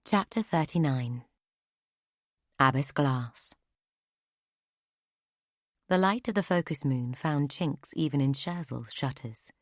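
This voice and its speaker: A woman narrating a fantasy audiobook in a steady, measured reading on a close studio mic. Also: sits low, no echo. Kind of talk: scripted narration.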